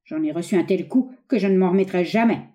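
A woman's voice: on the low side, mellow, close to an everyday voice. A woman voicing a sighing old miser. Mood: regretful. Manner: slow, sighing, anxious murmur. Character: greedy, fearful old male miser.

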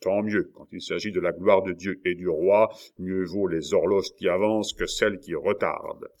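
A man voicing a zealous, fanatical male killer who talks loud and urgent. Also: low-pitched, fairly even intonation, moderate pace, natural voice. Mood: fervent urgent.

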